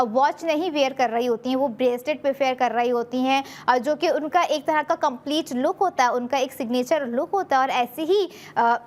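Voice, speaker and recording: A woman with a Pakistani Urdu accent hosting a TV shopping show, giving a persuasive sales pitch full of fillers. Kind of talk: TV shopping presentation.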